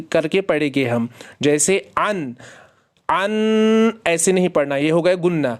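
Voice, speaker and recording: Slow, smooth man spelling Quran verses. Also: fairly high pitch. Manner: slow drawn-out spelling with quick explanations in between; asks questions and answers them himself. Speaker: Quran recitation teacher. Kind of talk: spelling out Quranic words letter by letter.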